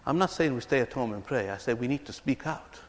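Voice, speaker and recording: Expressive and quick, with a mid-range voice, he is a ministry speaker from Palestine talking to an audience about reconciliation. He tells stories earnestly and often repeats words, and long hall reverb surrounds his speech.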